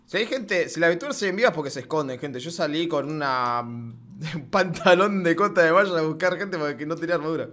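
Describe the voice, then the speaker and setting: A young man with an Argentine accent, streaming a game and calling the action in quick, excited casual chat. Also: fairly high pitch. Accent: Argentine Spanish.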